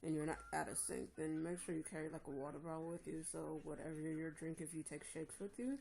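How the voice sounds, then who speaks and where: A woman's voice: sits low, fairly even intonation, quick pace, dark tone. A tired woman recovering from surgery, casually giving practical advice to viewers in a vlog. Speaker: vlogger sharing her jaw surgery recovery. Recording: echoey room with clear background noise.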